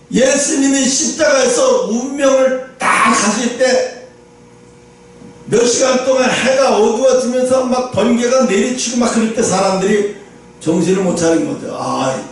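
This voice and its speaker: A man's voice: very high-pitched, slight background noise. A man preaching a sermon as pastor, telling the story animatedly and acting out the dialogue. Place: church sanctuary. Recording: echoey church hall from far off.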